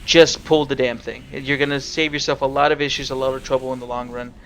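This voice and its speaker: Sarcastic gravelly young man commentating gameplay. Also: medium pitch, little pitch movement, fast, a bit bright, slight background noise. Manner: sarcastic, casual, swears freely. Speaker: game streamer.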